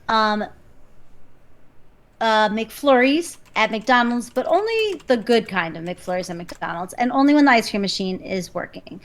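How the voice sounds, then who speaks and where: A woman's voice: a little high, fairly bright tone. A woman doing an impression of a giggly, joke-loving co-host who owns a cat. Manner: giggly, playful.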